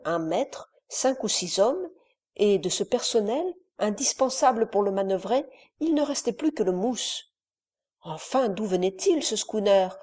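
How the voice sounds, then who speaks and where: A woman reading a classic adventure novel aloud in a measured, dramatic storytelling manner. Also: mid-range voice, dark tone. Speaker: audiobook narrator.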